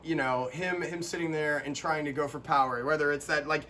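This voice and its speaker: A young man co-hosting a casual chat, animated and quick to burst into quoted lines. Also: fairly high pitch, a little hiss or hum. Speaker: co-host.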